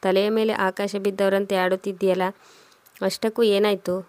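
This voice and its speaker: A hot-tempered young husband who speaks in stern warnings, read by a woman narrator for an audio story. The delivery stays flat with little pitch movement. The recording is dry and close. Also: moderate pace, no room sound, natural voice. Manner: stern, threatening.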